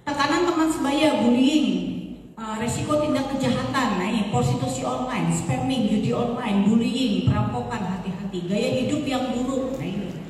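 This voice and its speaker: A woman giving a lively parenting seminar talk, often acting out quoted voices. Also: fairly high pitch, normal speed. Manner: lively, acts out quoted voices, frequent laughs. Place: seminar hall. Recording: echoey hall from far off.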